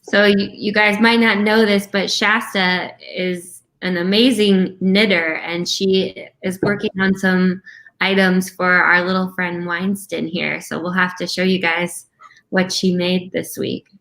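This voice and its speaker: Slow-paced woman co-hosting casually. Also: on the low side, little pitch movement, fairly bright tone, poor audio. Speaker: online bingo co-host. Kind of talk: casual chat.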